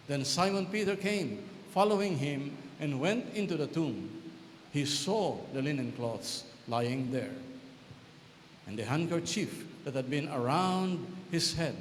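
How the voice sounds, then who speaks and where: Priest proclaiming scripture in cathedral echo. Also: male voice, a little high. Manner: formal, measured proclamation. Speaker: priest reading the Gospel. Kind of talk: solemn liturgical scripture reading. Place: large church, amplified. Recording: cathedral-like echo, long reverb, background noise.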